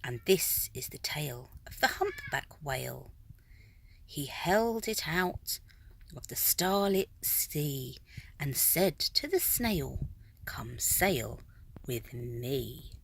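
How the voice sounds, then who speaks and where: A woman reading a rhyming children's picture book aloud in a dramatic way, at times dropping to a hush and drawing words out. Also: low voice, huge pitch swings, gravelly, husky, rough recording. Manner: dramatic, with hushed whispered phrases and drawn-out words. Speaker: storybook reader. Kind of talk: expressive children's picture-book narration in rhyme.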